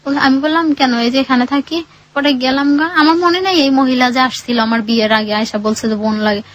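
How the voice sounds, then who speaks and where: A woman's voice: high voice, fairly even intonation, fast, fairly bright tone, no echo, low-quality recording. A woman telling her own life story in rambling, acting out what others said. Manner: rambling, colloquial, acts out others' quoted speech. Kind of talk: casual spoken storytelling.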